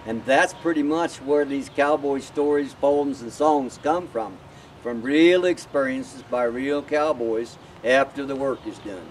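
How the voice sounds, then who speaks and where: A man's voice: mid-range voice, measured pace. Folksy man, distant and noisy recording. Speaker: cowboy storyteller and event organizer. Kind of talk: folksy informal storytelling. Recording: distant mic, outdoor wind and traffic noise.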